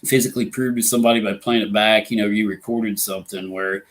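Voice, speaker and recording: A fast-talking Midwestern man with a lowish, fairly even voice hosts a casual live ghost hunting talk show. Having just gotten over an illness, his voice is coming back, and he rambles with lots of "you know."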